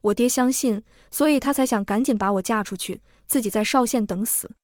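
A sorrowful young noble lady, voiced by a woman storyteller speaks softly, sighing yet firm. The voice sits a little high and the recording is dry. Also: brisk, no echo, close to an everyday voice. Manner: soft, sighing, calm.

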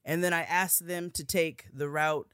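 A woman's voice: deep voice, steady tone, measured pace, fairly bright tone, smooth, dry recording, studio quality. A young woman, a podcast co-host and student, telling a story in a casual chat with emphatic, profane bursts.

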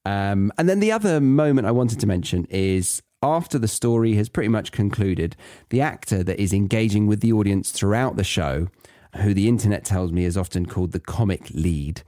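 Animated and speaking at normal speed, a British podcast host with a fairly low, warm voice explains things in a relaxed solo show for English learners. There is no room sound, and the studio audio is clean.

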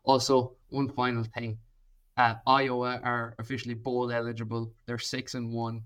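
A man with a Kerry Irish accent talks casually on a sports podcast. His delivery is extremely level, with hardly any rise or fall in pitch. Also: little pitch movement, moderate pace, a bit bright. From Kerry, Ireland. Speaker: podcast panellist.

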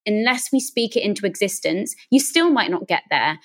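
A woman's voice: mid-range voice, expressive, normal speed, fairly bright tone. A woman hosting a podcast who speaks earnestly and reflectively about her own doubts, with repeated emphasis. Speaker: podcast host. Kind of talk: casual conversation.

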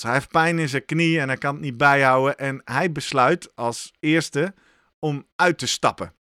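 A man's voice: a little high, pushed and bright, dry recording, clean studio sound. A man on a podcast telling a story in casual chat, animatedly acting out his own thoughts.

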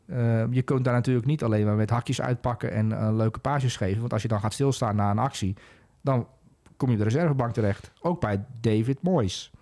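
Halting man talking football. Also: medium pitch, dark tone. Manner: hesitant, many fillers and restarts. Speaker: football analyst. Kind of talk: casual podcast chat.

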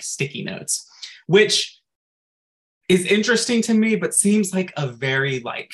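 A man's voice: mid-range voice, sharp tone. A man co-hosting a podcast in casual chat, recapping game lore at length and dropping in frequent "like" asides. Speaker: podcast co-host.

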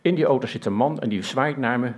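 Husky man telling a personal story. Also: mid-range voice, fast. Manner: conversational, with frequent hesitations and restarts; plain, down-to-earth telling. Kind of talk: personal story told to an audience.

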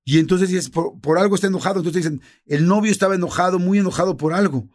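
A middle-aged Mexican-accented man, a podcast co-host, tells a story casually and acts out the dialogue. He speaks fast in a high voice, animated, voicing the quoted lines in many different characters.

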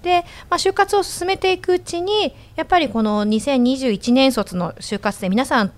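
A woman's voice: high voice, expressive, normal speed. A woman co-hosting a podcast interview, chatty and encouraging as she draws out the guest. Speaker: podcast co-host, former announcer applicant.

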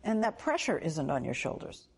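A woman's voice: sits low, big pitch swings, moderate pace, breathy edge. A woman interviewer asking probing, conversational questions.

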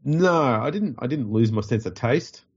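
A man's voice: medium pitch, expressive, normal speed, slightly rough, muffled recording. A man with an Australian accent and a nasal, stuffed-up voice from a runny nose, hosting a podcast in casual, dryly joking banter. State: getting over covid with a runny nose. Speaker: podcast host.

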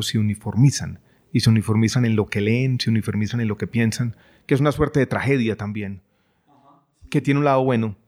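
A middle-aged man, a guest in an interview, speaking in a thoughtful, measured way with frequent hesitations. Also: mid-range voice, a little mellow. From Colombia. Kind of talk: reflective conversation.

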